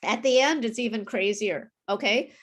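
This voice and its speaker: Brief: woman pronunciation teacher, friendly, slightly high voice, frequent check-ins. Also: slight background noise. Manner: friendly, explains slowly and checks understanding with okay. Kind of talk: live online group class.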